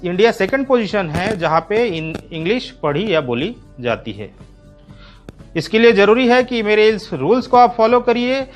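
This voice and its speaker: Animated Indian man teaching slowly. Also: high-pitched. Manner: slow, drawn-out delivery of English terms. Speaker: English teacher. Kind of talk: explanatory lesson.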